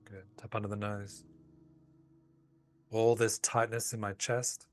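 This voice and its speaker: A man calmly leading a guided tapping session, giving slow, soothing instructions. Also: lowish voice, soft background music. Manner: calm, slow, soothing guidance. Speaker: tapping practitioner.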